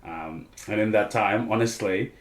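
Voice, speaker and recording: A man in his late twenties from Papua New Guinea, speaking with an Australian accent, tells his story as a guest in a casual podcast interview, with frequent ums and restarts. His lowish voice is unhurried and reverberant.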